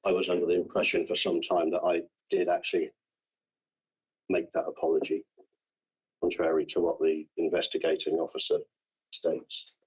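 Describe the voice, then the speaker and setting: Hesitant husky man at a hearing. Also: low voice, monotone, darkish tone. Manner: halting, repeats words, hesitant. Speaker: councillor under investigation. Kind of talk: formal hearing testimony. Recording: dull lo-fi meeting room audio.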